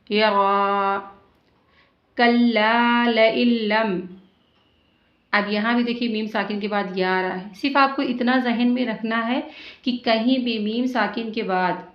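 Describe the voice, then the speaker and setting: A woman's voice: mid-range voice, lo-fi sound. Patient woman teaching Quran recitation, echoey. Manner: slow drawn-out recitation between patient explanations, checking with "theek hai".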